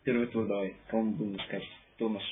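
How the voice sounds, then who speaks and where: A man's voice: fairly low pitch, level tone, quick pace, a crowd in the background. A man chatting casually and slangily with friends as a streamer on a card game stream. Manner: slangy, informal. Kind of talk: casual chat among friends. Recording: muffled phone-like sound, clear noise, clicks.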